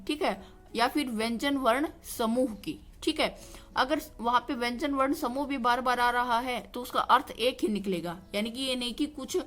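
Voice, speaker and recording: A woman with a fairly high voice gives a classroom-style grammar lesson. She keeps asking her own questions and answering them. Faint music plays behind her. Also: fairly bright tone. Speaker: Hindi grammar teacher.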